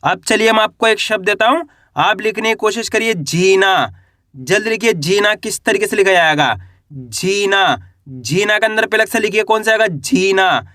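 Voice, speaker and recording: A man teaching reading and writing, slowly sounding out syllables and asking his listeners questions. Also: sits high, bright, forceful tone, no echo, clean studio sound. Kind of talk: Hindi reading and writing lesson.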